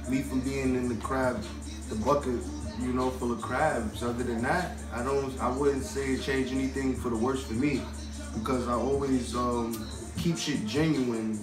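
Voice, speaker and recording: A Queens man with a New York accent sits for a casual interview as a rapper guest, talking in loose, rambling, laid-back street slang. His voice is medium-pitched, and the rough recording sounds roomy, picked up from a distance.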